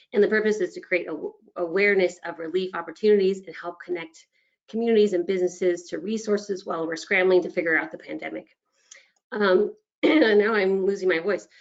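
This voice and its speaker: A woman with a fairly low voice delivers brisk program updates in a webinar presentation. She keeps things moving but trails into ums and self-corrections along the way. The call audio sounds dull and lo-fi. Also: vocal fry. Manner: brisk, informative, with frequent ums and restarts. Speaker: state agency presenter. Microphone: video call.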